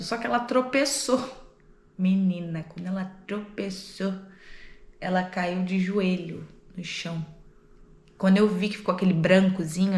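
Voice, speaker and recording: A young woman, telling a story to her vlog in a lively, animated way, swearing, laughing and acting out the people in it. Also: medium pitch, creaky. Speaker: au pair vlogger. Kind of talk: casual storytelling to camera. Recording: echoey room.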